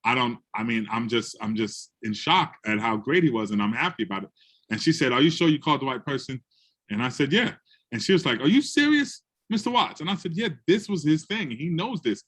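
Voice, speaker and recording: A fairly quick, mid-range male voice belongs to an educator and guest speaker from the Bronx, New York. Conversationally, he relates classroom stories and animatedly acts out quoted people in different voices.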